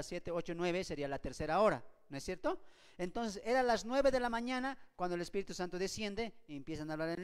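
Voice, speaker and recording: Man teaching Bible study: high, smooth voice, emphatic and repetitive, hall reverb. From Bolivia. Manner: emphatic, asks rhetorical questions and repeats points.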